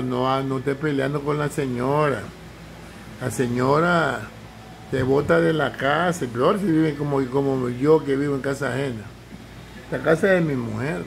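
A man talks straight to the camera from his home, half joking and half preaching. His voice sits a little high and has a gravelly, creaky edge. There is a faint hiss of background noise under the recording. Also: low-quality recording. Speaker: vlogger. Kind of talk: casual advice monologue to camera.

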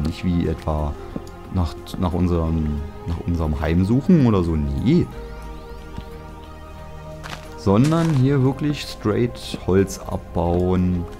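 Deep-voiced German man chatting over gameplay. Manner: chatty, self-mocking, grumbling asides. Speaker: let's play host. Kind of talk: casual gameplay commentary. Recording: background music under voice.

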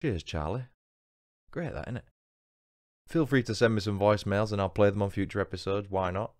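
Reading a true crime podcast script a little fast, this Northern English host from England drops in dry, wry asides. His voice is fairly low in pitch with a darkish tone.

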